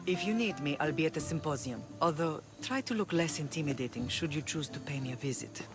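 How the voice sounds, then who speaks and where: The island leader, a composed and commanding middle-aged mother, is voiced by a low-pitched actress in a video game cutscene. She talks briskly in a tone close to everyday speech while music plays.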